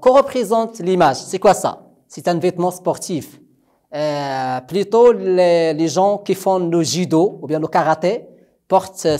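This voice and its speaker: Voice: mid-range voice, darkish tone. A primary school French teacher, giving a recorded lesson and patiently repeating each word for the children to echo.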